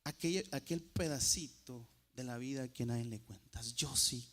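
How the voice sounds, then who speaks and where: A man preaching a sermon to a congregation, calling them brothers and repeating key phrases slowly for emphasis. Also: mid-range voice, a bit bright.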